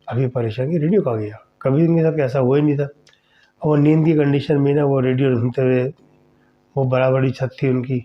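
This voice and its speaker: A man tells a horror story in a conversational, animated way, as a podcast host. His voice sits at an ordinary middle pitch. The audio is slightly dull and muffled.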